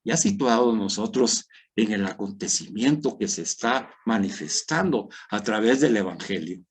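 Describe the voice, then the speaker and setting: A man leading his parish group through a scripture meditation, talking dramatically and moving between soft and loud, acting out the crowd's words. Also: lowish voice, lively intonation, normal speed, husky.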